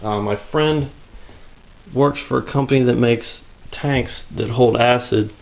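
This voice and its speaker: Rambling through his explanations with lots of fillers, a man gives a relaxed tour of his hot, humid home workshop, growing breathless and raspy in the heat. His mid-range voice is a little mellow and slow-paced, and the audio quality is poor.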